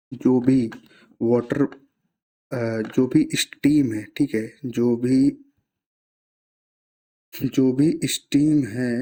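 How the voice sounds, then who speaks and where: A man's voice: medium pitch, warm tone. A man, teaching science in a casual classroom-style explanation, asking himself rhetorical questions and mixing in English terms.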